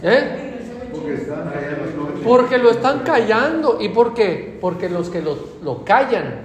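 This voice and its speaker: Animated Mexican preacher in an echoey room. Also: male voice, high-pitched, takes it slowly, crowd noise. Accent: Mexican Spanish. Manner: animated, asks the congregation questions. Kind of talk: sermon.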